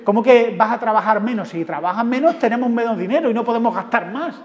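A man putting on an exasperated wife who can't believe what her husband just said, a Spanish accent from Spain, heard in a dull-sounding hall with a long echo trailing behind. The scolding is brisk and incredulous. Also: very high-pitched, expressive.

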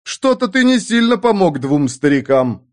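A man squeaking as a panicky old innkeeper. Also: big pitch swings, normal speed. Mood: panicked. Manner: squeaky, shrill shouting. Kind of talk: audiobook character voice.

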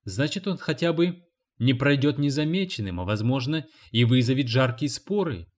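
Man reading a novel aloud, mid-pitched. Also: expressive, moderate pace. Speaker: audiobook narrator. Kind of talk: scripted narration.

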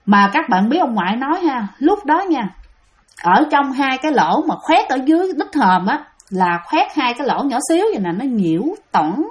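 A woman's voice: high-pitched, big pitch swings, moderate pace. A woman with a Southern Vietnamese accent telling a ghost story casually, chatting to her listeners as she goes. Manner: chatty, keeps addressing listeners.

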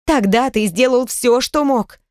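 A woman voicing a lively, bossy, caring middle-aged stepmother in an audiobook, high and animated in her scolding. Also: normal speed, no room sound, clean studio sound. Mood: indignant.

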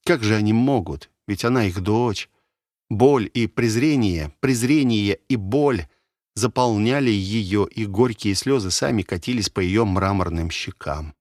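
A man narrating a fantasy audiobook in a measured, dramatic reading style. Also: lowish voice, a little mellow, dry recording, clean studio sound.

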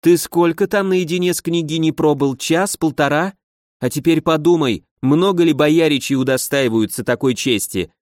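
A man reading an audiobook voices a sharp-tongued young noblewoman who scolds and lectures her brother. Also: on the high side, moderate pace, no room sound, clean studio sound, pitched above the performer's own voice, natural voice. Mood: lecturing. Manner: scolding, exasperated.

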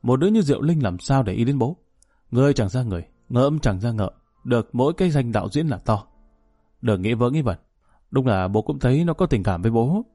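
A man's voice: mid-range voice, mellow, dry recording, clean studio sound. A man voicing a stern, aging father who speaks curtly and coldly, scolding his children. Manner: curt, scolding.

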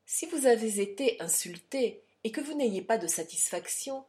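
Brief: brash bully of a young man, read by a woman, loud, mocking, raised pitch. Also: expressive, normal speed, lightly acted. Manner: shouting insults, rough and mocking. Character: brash young male cousin, bullying but loyal.

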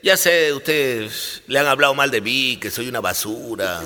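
A man voicing a boastful male devil, talking in a gruff, smug, deepened voice. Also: lively intonation, moderate pace, pushed and bright, big-room sound.

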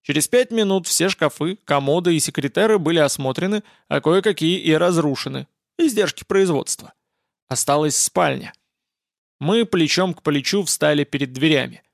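A man narrates a first-person fantasy audiobook with wry, brisk timing. His voice has a gravelly, fry-laden texture and sits somewhat high for a man. The sound is dry and close, with no room around it. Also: dry recording.

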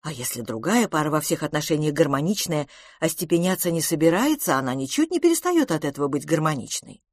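A prim, earnest middle-aged spinster explaining herself carefully, as a female audiobook reader plays her. Her voice sits low but moves a lot in pitch, and the read is close and dry. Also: very animated, fast, a little mellow, no room sound, exaggerated voice.

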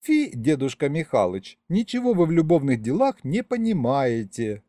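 A man's voice: fairly high pitch, huge pitch swings, moderate pace, dark tone, no room sound, voice pushed up. A man voicing a prim, romantic young female clerk with a prissy, bookish way of talking. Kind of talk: audiobook character voice.

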